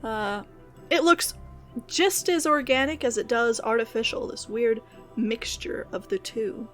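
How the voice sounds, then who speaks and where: A woman's voice: a little high, unhurried, fairly bright tone, faint music behind. A woman narrating a tabletop game as game master, descriptive and playful. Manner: descriptive and playful, laughs often.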